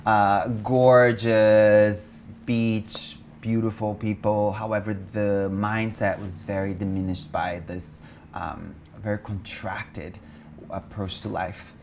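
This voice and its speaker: A man from Brazil, speaking as an interview guest in an open, expressive way and swearing casually. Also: lowish voice, takes it slowly, background noise. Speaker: guest, meditation teacher and coach. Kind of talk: candid interview chat.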